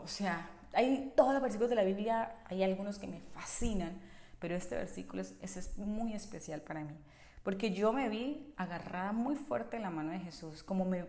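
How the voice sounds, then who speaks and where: A woman's voice: mid-range voice, warm tone. A woman telling a personal faith testimony in an earnest, emotional way, often restarting her sentences. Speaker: podcast speaker sharing a faith testimony. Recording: roomy echo.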